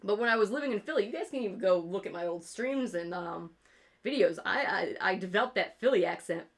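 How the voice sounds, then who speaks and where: Mid-range and a little fast, with lively intonation, her voice carries a rural upstate New York accent. She's an artist and streamer doing casual livestream chat as she draws, wandering from topic to topic, cursing plenty, and cracking herself up.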